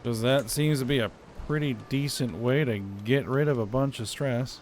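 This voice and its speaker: A man's voice: mid-range voice, normal speed, a little mellow, slight background noise. A man giving casual commentary while playing a strategy game, thinking aloud and often saying "all right". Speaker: strategy game let's-player.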